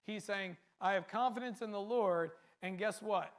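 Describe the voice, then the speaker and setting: A man's voice: high voice, moderate pace. A man preaching a sermon, speaking earnestly in a repetitive cadence and often asking rhetorical questions.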